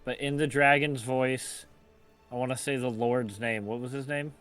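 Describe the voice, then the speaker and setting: A man's voice: mid-range voice, steady tone, moderate pace, a bit bright, clear, resonant tone, soft background music. A man speaking casually as a player at a tabletop game.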